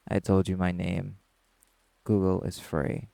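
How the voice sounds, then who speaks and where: In a dramatic audio roleplay, a man plays a brash, guarded young werewolf musician, speaking in a curt, sarcastic, dismissive way. His voice is low, gravelly, and dark, delivered completely flat and unhurried in a dry recording. The mood is guarded and sardonic.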